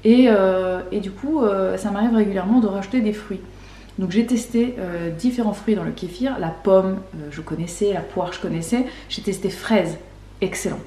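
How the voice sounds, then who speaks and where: A woman's voice: mid-range voice, normal speed, mellow. A woman co-hosting a vlog, chatting casually and explaining things in short conversational bursts. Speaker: vlog co-host. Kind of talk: casual chat. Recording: roomy, echoey indoor sound.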